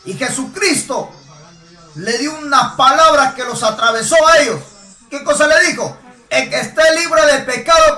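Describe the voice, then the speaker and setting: A man preaching a sermon emphatically, asking rhetorical questions and rising to shouts. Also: very high voice. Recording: echoey room, voice from a distance.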